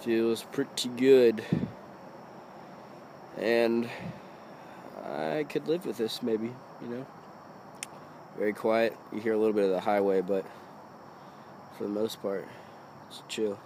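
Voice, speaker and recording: Young male vlogger, unhurried and offhand, phone held at arm's length, faint noise behind. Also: lowish voice. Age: young adult. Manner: relaxed, slow and offhand. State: sick. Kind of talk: casual travel vlog. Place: car, campsite and tent.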